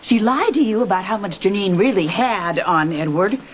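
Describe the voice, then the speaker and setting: A woman's voice: medium pitch, expressive, normal speed, a little hiss or hum, close to an everyday voice. A woman playing a worried, pleading mother. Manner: urgent, pleading. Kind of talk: soap opera acting.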